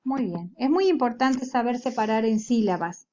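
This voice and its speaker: A woman teaching Biblical Hebrew in a recorded lecture, explaining step by step in a slow, patient way. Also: fairly high pitch, lively intonation, warm tone. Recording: dull lo-fi recording.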